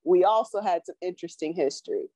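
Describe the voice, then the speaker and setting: A woman's voice: on the low side, fast, a little hiss or hum. A young woman hosting a casual chat podcast, telling a story and acting out what people said. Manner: animated storyteller, acts out quotes. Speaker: podcast co-host. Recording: dull lo-fi sound.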